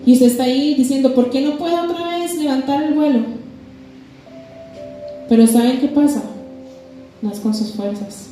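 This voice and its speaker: A woman's voice: high voice, moderate pace, pauses often. Impassioned woman preaching in an echoey church. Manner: impassioned, acts out dialogue between biblical figures. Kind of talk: sermon. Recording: echoey church hall with music. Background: soft music.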